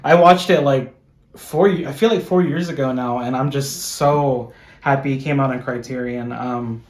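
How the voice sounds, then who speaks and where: A man's voice: medium pitch, moderate pace, a little mellow. A man chatting casually about films, rambling with fillers and the odd swear word, recorded at home. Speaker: guest showing his film haul. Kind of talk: casual film chat. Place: room in a home. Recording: roomy echoey room.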